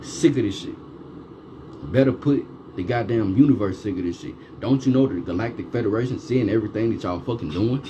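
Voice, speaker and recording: A man's voice: fairly low pitch, fairly quick, rough recording. A man delivering a ranting monologue, swearing heavily and firing off repeated rhetorical questions. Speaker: vlogger. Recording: steady background noise.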